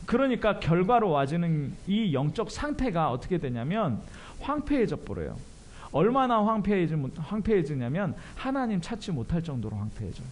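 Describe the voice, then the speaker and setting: Male pastor, high and swooping voice, animated church sermon. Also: normal speed. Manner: animated, self-deprecating, asks the congregation questions.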